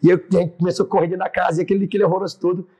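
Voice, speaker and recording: A man with a Brazilian Portuguese accent, a pastor, tells his faith story on a podcast. His voice sits a bit high with a husky edge, and he brings his anecdotes to life by acting out the voices of the people involved. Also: little pitch movement, very fast, mellow. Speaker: pastor and church president, podcast guest.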